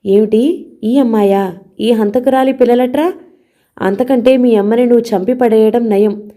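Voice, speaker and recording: A woman's voice: on the high side, fairly even intonation, moderate pace, dark tone, natural voice. A woman voicing a domineering middle-aged man who harshly scolds and threatens his younger brother in an audio novel. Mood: scolding.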